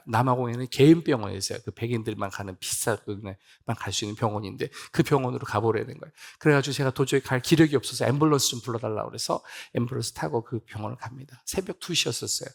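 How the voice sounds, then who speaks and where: A man's voice: mid-range voice, vocal fry. A middle-aged man, a missionary, preaching a revival sermon and telling an emotional personal story, acting out the dialogue. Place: church sanctuary.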